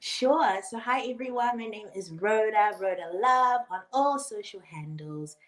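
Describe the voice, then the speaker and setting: A woman's voice: medium pitch, unhurried. Bubbly 20-something kiwi-accent woman co-hosting a podcast. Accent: New Zealand. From New Zealand. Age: 20s. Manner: bubbly, excited. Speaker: podcast co-host. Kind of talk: live podcast chat.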